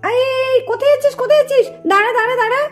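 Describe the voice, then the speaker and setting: A woman's voice: very high voice, expressive, fast talker, darkish tone, soft background music. A woman voicing a fussy young mother in a puppet cartoon, scolding and exclaiming.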